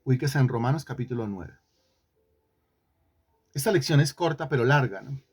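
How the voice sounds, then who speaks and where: A man's voice: medium pitch, a little mellow. Guy teaching a bible class online, asks the students stuff, says everything twice. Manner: questioning, repeats himself for emphasis.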